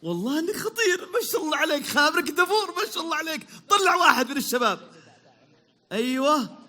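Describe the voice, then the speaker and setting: A Saudi man runs a crowd quiz in a very high, bouncy voice that swings all over the place. He is upbeat and teasing, heaping praise on players and calling out to the audience. His tone is bright and sharp. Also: very animated, fast talker. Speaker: quiz host at a public event. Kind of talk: lively crowd quiz hosting.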